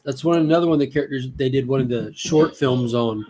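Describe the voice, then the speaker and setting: A man's voice: mid-range voice, quick pace, darkish tone. A man chats casually as a guest on a friend's livestream. He keeps the mood light with teasing jokes and laughs often as he talks. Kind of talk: casual chat.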